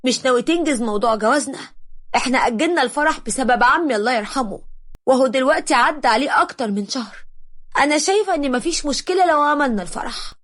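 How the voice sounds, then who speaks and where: A woman's voice: high voice, lively intonation, fast talker, fairly bright tone. A woman voicing an insistent young fiancée with an Egyptian accent, pressing and demanding.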